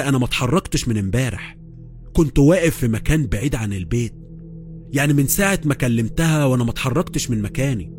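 A man's voice: mid-range voice, darkish tone. A man with an Egyptian accent narrating a first-person horror story, fearful and stammering. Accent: Egyptian Arabic.

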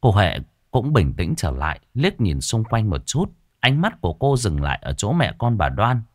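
Expressive male storyteller. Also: lowish voice, normal speed, no echo, clean studio sound. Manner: expressive, shifts into character voices. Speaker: audiobook narrator. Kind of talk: storybook narration.

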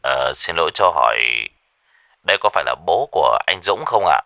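A man voicing a calm, deep-voiced official delivering bad news by phone in a ghost story. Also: no room sound, clean studio sound, exaggerated voice. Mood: solemn. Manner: deep, warm, measured, trying to stay calm.

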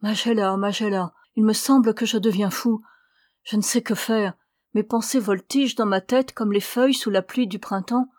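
A woman's voice: medium pitch, fairly even intonation, normal speed, a little mellow, no room sound, natural voice. An audiobook figure: a desperate, fiercely protective young man, read by a woman narrator. He pleads with urgent passion and his voice swells when he presses a point. The reading is close and dry, with no room sound. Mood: anguished.

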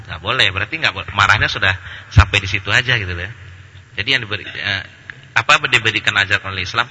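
Lively, bright-voiced male preacher. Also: medium pitch, slight background noise. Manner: humorous and colloquial, acts out anecdotes. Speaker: Islamic preacher answering questions. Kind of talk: lively religious lecture. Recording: long hall reverb.

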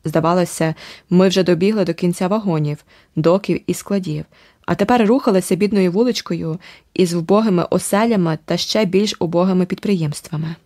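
A woman narrating an adventure audiobook in a steady, vivid storytelling manner. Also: on the low side, a little fast, no echo, studio quality. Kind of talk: scripted narration.

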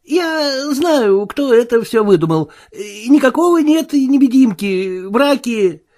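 A man voicing a nervous, shifty tramp who speaks high and whining, stumbling with hesitant sounds. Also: sing-song, unhurried, a little mellow, heavily acted. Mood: nervous denial.

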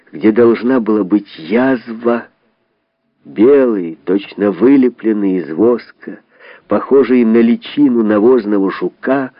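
A man giving a measured literary reading with dramatic pauses, on a dull, lo-fi recording. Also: lowish voice, dry recording. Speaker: reader. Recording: dull lo-fi dry sound.

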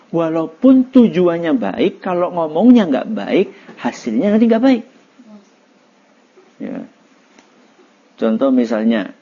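Lively man quizzing a children's class. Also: medium pitch. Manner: lively, quizzing students, laughing. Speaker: religious teacher. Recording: dull lo-fi recording.

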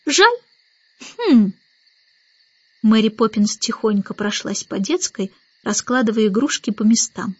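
A woman narrating a children's audiobook in an even, expressive storytelling voice. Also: medium pitch, normal speed, slightly rough, no room sound, lo-fi sound. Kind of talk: scripted narration.

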